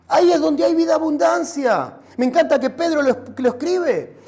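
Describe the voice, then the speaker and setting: A man with a Rioplatense Spanish accent preaching a sermon as pastor, animated and rising to shouts. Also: very high voice, gravelly.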